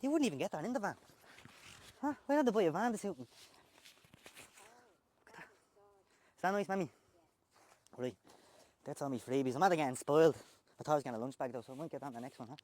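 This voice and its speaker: Irish builder type, slightly high voice, cheeky and foul-mouthed, chatting to camera. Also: male voice, animated, quick pace, long pauses, darkish tone, slight background noise. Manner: joking, swearing, talks to the camera person. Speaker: tradesman unboxing work gear. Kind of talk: casual unboxing chat.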